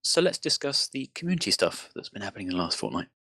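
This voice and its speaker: A man from the UK hosting a casual podcast chat, relaxed and self-deprecating. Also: on the low side, fast, vocal fry, breathy edge, no room sound. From United Kingdom. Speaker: podcast host.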